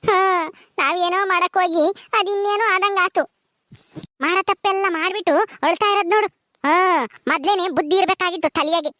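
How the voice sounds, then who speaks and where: A woman's voice: very high voice, steady tone, brisk, sharp tone, no echo, clean studio sound. A woman playing a bitter, proud village mother-in-law who taunts and sneers. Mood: scornful. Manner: sneering, taunting, mocking laughter.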